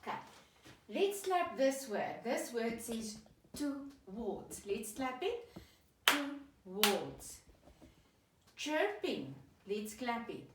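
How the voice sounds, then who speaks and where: A woman teacher walks young readers through words at a slow, careful pace. Her voice sits a little high and lands from a distance, with the echo of a classroom around it. She sounds words out and claps the syllables with patient emphasis. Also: very animated, background noise. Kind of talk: reading lesson for children. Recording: echoey room, voice from a distance.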